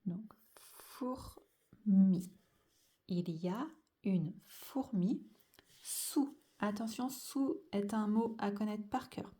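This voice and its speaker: A woman leads a dictation lesson for small children. She speaks very slowly and draws out every sound and syllable. Her voice is soft and mellow. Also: medium pitch. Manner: slow, careful, drawn-out sounds and syllables. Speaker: teacher.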